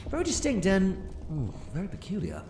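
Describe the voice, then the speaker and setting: Man playing the Doctor, wildly animated eccentric time traveller. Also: high voice, brisk, background noise. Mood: curious, breezy. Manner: rambling, hesitant, theatrical. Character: eccentric, scatterbrained male alien time traveller posing as psychic. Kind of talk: audio drama acting. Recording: roomy sound with music behind.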